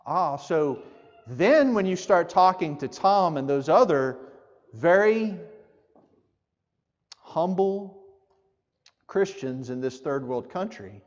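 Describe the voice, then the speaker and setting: A man's voice: on the high side, lively intonation, slow pace, pauses often. A man preaches a sermon to his congregation. He speaks conversationally and asks the people direct questions. The sound is muffled, and a long reverb hangs in the church hall. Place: church sanctuary.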